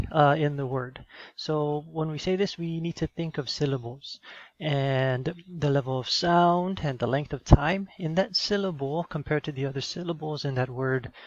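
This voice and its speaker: A man teaching in a screencast lesson, explaining patiently with many fillers and quick check-ins. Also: a little high, no echo, dull audio.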